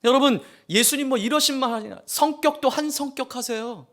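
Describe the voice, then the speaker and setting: A male pastor preaching a sermon in a church, telling exaggerated humorous stories in an animated way. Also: very high-pitched, moderate pace. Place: church sanctuary.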